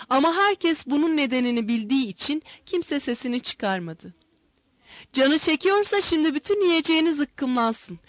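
A woman narrating an adventure story aloud in a measured, expressive audiobook reading. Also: high-pitched, no echo.

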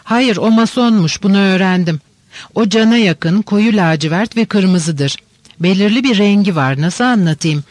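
A man reading the part of a lively, stubborn teenage girl in an audiobook, teasing and insistent. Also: high voice, normal speed, dry recording, lightly acted. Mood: eager.

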